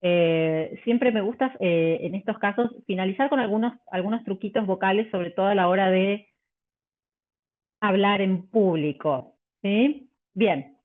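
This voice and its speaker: A woman vocal coach, teaching a live online workshop, full of fillers and restarts and demonstrating pitch and volume changes. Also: measured pace. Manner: hesitant, many fillers and restarts. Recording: tinny phone-like audio.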